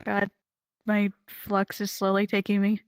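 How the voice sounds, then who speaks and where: A woman's voice: mid-range voice, completely flat delivery, a little slow, clear, resonant tone, no echo. A woman chatting casually during a roleplay game, rambling with lots of fillers and restarts. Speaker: roleplay streamer.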